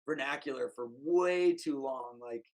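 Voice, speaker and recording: A man's voice: medium pitch, a little slow. A man chatting as a podcast guest, rambling and emphatic, full of "like" and "you know". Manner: rambling, filler-heavy, emphatic. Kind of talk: casual conversation.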